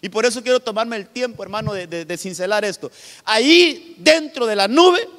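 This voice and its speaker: High-voiced pastor preaching in a reverberant hall. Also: male voice, expressive, moderate pace, fairly bright tone. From Honduras. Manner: emphatic preaching, often addressing the listener as "hermano". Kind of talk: sermon. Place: church hall.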